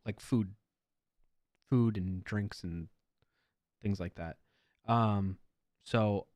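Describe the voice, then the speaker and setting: A man's voice: fairly low pitch, dry recording. A man hosting a live coding stream, chatting casually with viewers and rambling between tasks. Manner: chatty, talks to chat, rambling asides. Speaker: livestream host.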